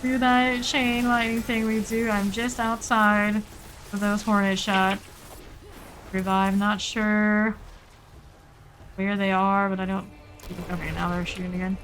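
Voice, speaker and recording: Slow-paced woman thinking aloud while gaming. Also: mid-range voice, flat delivery, fairly bright tone, faint music behind. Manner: muttering clipped fragments, thinking aloud. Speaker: game streamer. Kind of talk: casual live gameplay commentary.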